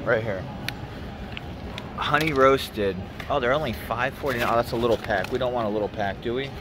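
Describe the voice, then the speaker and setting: An American man who runs a retro game store narrates a casual vlog to camera while out shopping, trading crude, boastful jokes in a relaxed way. His medium-pitched voice moves at normal speed against a noisy background as he goes through a store, a parking lot and a supermarket.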